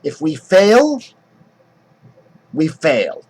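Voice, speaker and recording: A man reading a scheming noblewoman's speech aloud in his own husky voice, as a classroom demonstration. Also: on the high side, big pitch swings, drawn-out words, darkish tone, pitched above the performer's own voice, full character voice, low-quality recording. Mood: rushed. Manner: plain classroom reading of verse. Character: scheming noblewoman urging her husband.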